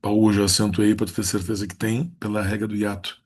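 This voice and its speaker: Husky-voiced male teacher. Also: lowish voice, a little fast. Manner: stretches out the example words, then states the rule flatly. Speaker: Portuguese teacher. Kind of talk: recorded grammar lesson.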